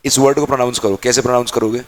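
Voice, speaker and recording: A man's voice: mid-range voice, fairly even intonation, racing. A young man teaching a class, calling students child and dear, and acting out their questions back and forth. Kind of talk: classroom lecture.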